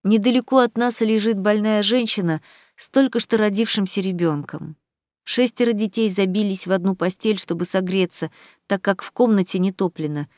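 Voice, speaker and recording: A woman's voice: mid-range voice, normal speed, darkish tone, no room sound, studio quality, lightly acted. A woman reading aloud, voicing a caring mother who speaks tenderly and steadily.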